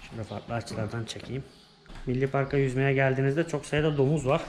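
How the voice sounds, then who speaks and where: A man's voice: medium pitch, fast talker, a little mellow. A young man vlogging as he walks through a small museum, naming the exhibits one after another in short bursts. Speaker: travel vlogger. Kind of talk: casual guided walkthrough. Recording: echoey room, noisy background.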